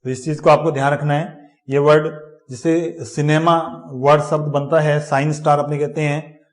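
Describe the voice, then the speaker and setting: A man's voice: fairly high pitch, flat delivery. Hindi-speaking male teacher drilling pronunciation. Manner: repeats each word slowly for drilling. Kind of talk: exam-prep phonetics lecture.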